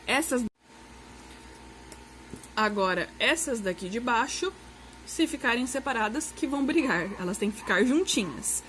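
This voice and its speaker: A woman's voice: on the high side, fairly bright tone, a little hiss or hum, low-quality recording. A woman teaching a recorded grammar lesson to young pupils, explaining patiently and checking in with "tá?" after each point.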